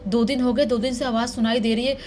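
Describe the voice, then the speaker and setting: A woman's voice: a little high, fairly even intonation, quick pace, darkish tone, slight background noise. A woman narrating a horror story in a dramatic, suspense-building way.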